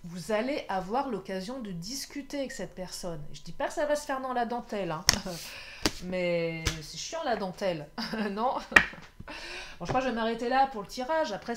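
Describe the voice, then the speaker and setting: A woman giving a casual, chatty tarot reading to her viewers, often laughing and pausing on filler sounds. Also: mid-range voice, background noise. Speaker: tarot card reader.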